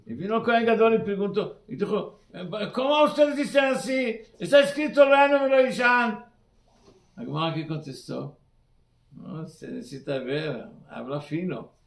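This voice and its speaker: Rabbi, halting Spanish full of terms, high voice, roomy echo. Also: male voice, creaky, a bit bright. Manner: halting, simple Spanish mixed with Hebrew terms. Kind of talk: weekly Torah sermon.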